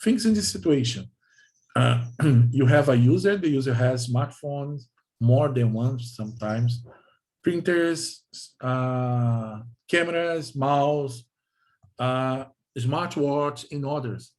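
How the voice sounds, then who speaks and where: A Brazilian man whose first language is Portuguese explains technical material at an average pitch, with an animated, darkish voice. He proceeds haltingly in non-native English, restating phrases and pausing to check listeners follow with "okay?".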